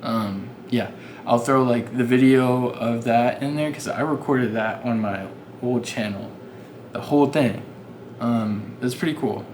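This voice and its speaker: A young man vlogs a casual, rambling story in a mid-range, slightly mellow voice, speaking unhurriedly. His telling is full of fillers and restarts, with noisy ambience in the background.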